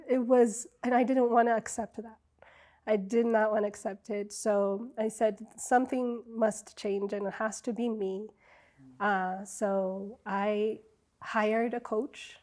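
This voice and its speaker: Her voice warm, mellow, and a touch high, a middle-aged wellness coach from Ethiopia tells her story as a guest in a television studio. She talks slowly and reflectively, pausing often and saying "um" a lot.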